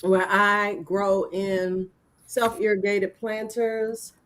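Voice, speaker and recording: A woman's voice: mid-range voice, level tone, slow, fairly bright tone. A woman co-hosting a casual live gardening chat, introducing herself in an easygoing way. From Maryland. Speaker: co-host, homestead channel host.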